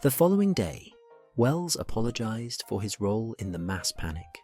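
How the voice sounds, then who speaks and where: Brief: low-pitched male documentary narrator, dramatic scripted read, faint music underneath. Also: big pitch swings, moderate pace, mellow.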